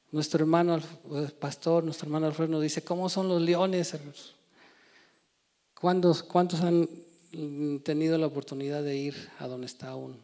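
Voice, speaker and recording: Male preacher, emphatic sermon delivery, voice on the higher side. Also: a little mellow. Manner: emphatic with frequent rhetorical "¿sí?" and "hermanos". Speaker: church preacher.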